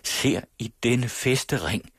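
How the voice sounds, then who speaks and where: A man's voice: medium pitch, expressive, breathy edge, no echo, studio quality, voice pushed up. A man voicing a distraught young woman who pleads for her father in an old storybook tale. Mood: pleading.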